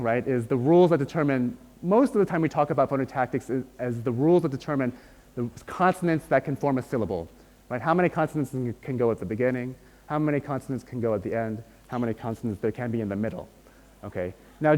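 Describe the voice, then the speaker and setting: Man, university lecture, linguistics lecturer, slightly high voice, long hall reverb. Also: a little mellow. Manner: explains patiently, checks in often with "right?" and "okay?".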